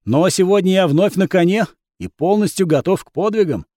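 A man voicing a vain, boastful young swordsman who talks down to others and loses his temper fast. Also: high-pitched, animated, dark tone, no echo, clean studio sound, pitched above the performer's own voice. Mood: cocky. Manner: boastful, contemptuous, hot-tempered.

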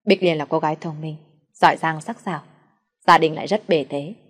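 A woman's voice: sits low, fairly even intonation, fairly quick, slightly rough. A woman reading a polite, pleading young man.

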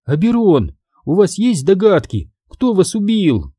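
Storybook granny: man playing a resolute, kindly old woman, mellow and dry. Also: high-pitched, big pitch swings, a little slow, husky, dry recording, voice pushed up, exaggerated voice. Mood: earnest. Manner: earnest, pleading.

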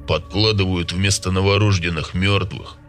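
A man voicing a gruff older village man who talks plainly and scoffs at rumors. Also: deep voice, steady tone, normal speed, soft background music, lightly acted. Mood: wary.

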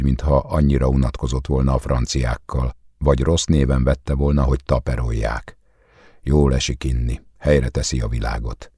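A man calmly reading literary fiction aloud as an audiobook narrator, measured and even. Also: extremely low pitch, husky, dry recording, studio quality. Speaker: audiobook reader.

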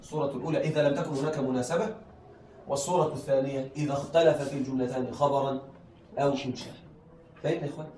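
A man teaches a class at a brisk clip, repeating key phrases and asking again and again whether his students follow. His fairly high voice reaches the mic from a distance. The echoey room carries a faint hiss. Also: fairly even intonation, a little mellow. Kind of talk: classroom lesson on Arabic rhetoric.

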